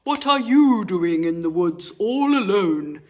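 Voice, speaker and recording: A woman's voice: mid-range voice, expressive, darkish tone. A woman voicing a big, hungry male wolf from a storybook, sly and menacing, with a scratchy growl. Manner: menacing, drawn-out. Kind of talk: storybook character voice.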